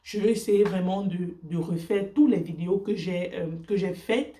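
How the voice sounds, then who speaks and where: On a casual vlog, a woman whose first language is English talks about her faith in French, earnest yet halting, full of fillers and restarts. Her voice is warm and lowish, picked up from a distance.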